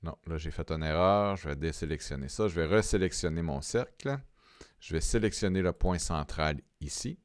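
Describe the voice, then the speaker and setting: Low-voiced Québécois man teaching software. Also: no room sound, studio quality. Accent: Québécois French. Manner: talks through each step, halting, with frequent fillers and repeated words. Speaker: software instructor. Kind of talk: screen-recorded software tutorial.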